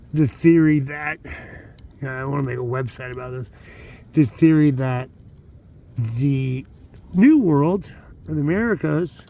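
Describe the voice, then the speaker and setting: The host of his own channel talks in a medium-pitched, darkish voice while out rockhounding at night. His casual vlog commentary is hesitant and roundabout, and he keeps interrupting himself.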